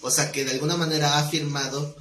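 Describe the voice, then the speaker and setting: A man's voice: a little high, steady tone, fast, a crowd in the background. A man teaching an exegetical Bible study class, explaining passages, reading scripture aloud and putting questions to the class. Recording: roomy echo with faint noise.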